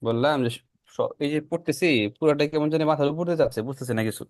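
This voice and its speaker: A male student on a video call talks quickly and a little high, and he admits plainly when he does not follow. His voice sounds dry and close to the mic. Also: darkish tone, dry recording. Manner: hurried, admits confusion plainly. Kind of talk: asking questions in an online class.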